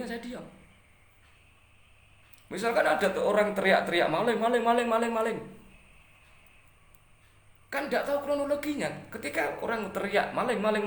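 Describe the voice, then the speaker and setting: A man with a Javanese accent talking casually to viewers, lecturing and climbing higher in pitch when he scolds. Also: roomy sound. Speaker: live-stream host answering viewer comments. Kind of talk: casual talk mixing Indonesian and Javanese.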